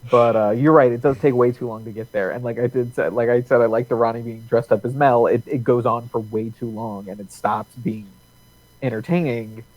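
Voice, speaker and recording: A man's voice: mid-range voice, fairly even intonation, a little fast, no room sound, highs cut off. A man co-hosting a casual podcast chat, easygoing and rambling, often restarting his sentences. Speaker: podcast co-host.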